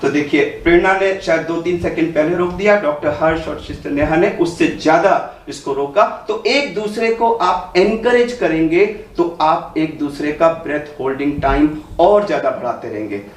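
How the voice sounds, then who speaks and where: A man demonstrating breathing and walking tests in a calm, instructive way as a doctor. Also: fairly high pitch, normal speed, hardly any pauses, echoey room, recorded from a distance. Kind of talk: health demonstration talk. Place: indoor room.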